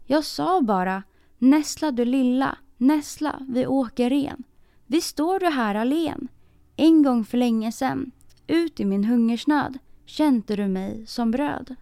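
A woman voicing a steadfast, humble young maiden in a storybook reading, speaking calmly in sing-song rhymes. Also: high-pitched, gravelly, no room sound, clean studio sound. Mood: rhyming.

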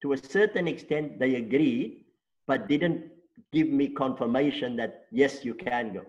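An interview guest in his sixties, a native Afrikaans speaker with a South African accent, recounts his life in long stretches and asks rhetorical questions to check in. He speaks at a measured pace in a mid-range, darkish voice, recorded with a muffled quality.

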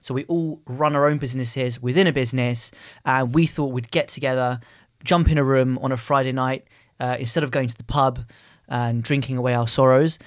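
A man's voice: mid-range voice, steady tone, brisk, hardly any pauses, no echo, clean studio sound. A man with a British accent hosting a casual podcast in a jokey, chatty manner. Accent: British English. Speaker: podcast host.

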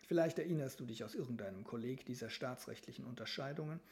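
A man voicing an ailing grand duke, the older brother, who speaks in a formal, tired and measured way in a novel reading. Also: mid-range voice, darkish tone, lightly acted. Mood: weary formal.

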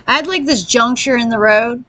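A woman's voice: a little high, moderate pace, pushed and bright. A woman co-hosting a casual chat podcast, laughing often and swearing freely as she tells stories. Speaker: podcast co-host.

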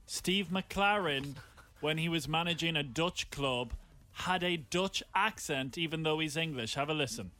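A man co-hosting a radio show, trading quick jokes in casual chat. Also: on the high side, pushed and bright. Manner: jokey, quick with banter.

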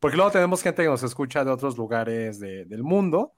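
Man, podcast host, teasing banter, middle pitch. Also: very animated, a little fast, no echo, studio quality. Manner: teasing, joking. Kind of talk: casual film podcast chat.

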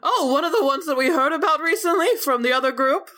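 Brief: bright-voiced woman player, giggly and rambling, very animated. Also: high voice, quick pace. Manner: giggly, rambling, stumbling over words. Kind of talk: casual role-play banter.

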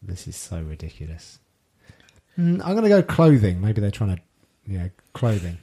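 A man's voice: on the low side, big pitch swings, moderate pace, warm tone, slightly rough. A man chatting as a podcast guest, wry and sarcastic. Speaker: podcast guest, quiz contestant. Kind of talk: casual chat.

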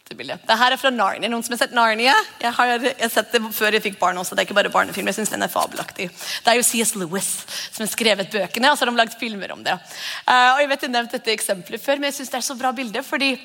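A woman's voice: on the high side, sharp tone. A woman pastor giving a conversational sermon and acting out whispered voices. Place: church hall. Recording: long church reverb.

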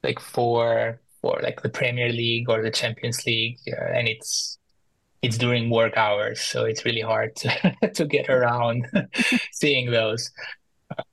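Podcast guest, male, Albanian accent, narrow even intonation, close dry sound, conversational and good-humoured. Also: mid-range voice, measured pace, vocal fry, no echo. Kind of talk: casual interview talk.

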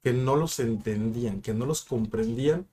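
A man's voice: mid-range voice, moderate pace, mellow, a little hiss or hum. A young man, a sign language interpreter speaking as a guest on a casual podcast, telling stories reflectively with many asides. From Mexico. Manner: reflective storyteller, drops in asides and fillers.

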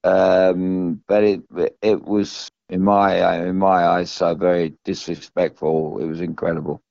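An older British man in casual football discussion, halting and often restarting his phrases as a pundit. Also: deep voice, flat delivery, gravelly, a little mellow, no room sound. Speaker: former professional footballer, pundit. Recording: dull, dry close recording.

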